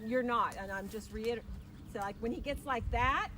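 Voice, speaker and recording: A woman working as a riding instructor, coaching a rider through a lesson with brisk, projected commands and running encouragement. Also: fairly high pitch. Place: riding arena among horses. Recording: noisy, with hoof clip-clop and ambience.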